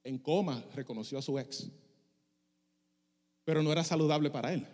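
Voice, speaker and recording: A man's voice: on the high side, moderate pace, a little mellow, big-room sound. A middle-aged male pastor preaching a passionate sermon, dropping English phrases into his Spanish. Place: church sanctuary.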